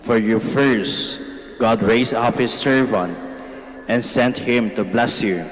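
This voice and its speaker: A man reading scripture and psalms as a lector, solemn and measured, in a large church with cathedral echo. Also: medium pitch. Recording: cathedral echo, long reverberation.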